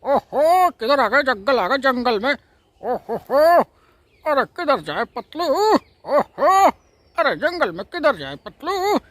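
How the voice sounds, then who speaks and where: A man's voice: extremely high pitch, very animated, slow pace, fairly bright tone, no echo, voice pushed up, full character voice. A man voicing a chubby, easily scared male cartoon hero who keeps chuckling "oh ho ho" between his lines. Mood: lost, calling.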